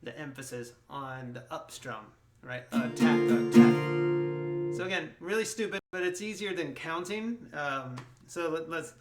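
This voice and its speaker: A man giving a casual guitar lesson in a relaxed way, with frequent ums and restarts. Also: fairly high pitch, moderate pace. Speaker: guitar teacher. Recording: roomy sound with loud guitar. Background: his own guitar playing.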